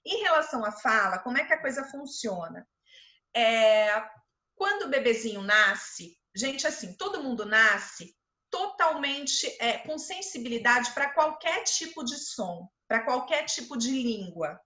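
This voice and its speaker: A woman talks teachers through her subject in a relaxed, conversational way, leaning on everyday examples and filler words. Her voice sits high and sounds bright. The recording carries a noticeable room echo. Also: unhurried. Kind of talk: informal lecture.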